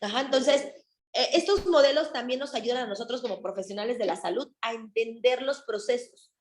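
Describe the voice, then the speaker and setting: A woman's voice: fairly high pitch, fairly quick, roomy sound. A woman teaching a nursing class, talking conversationally and often adding tag questions. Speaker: nursing instructor. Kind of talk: classroom lecture with anecdotes.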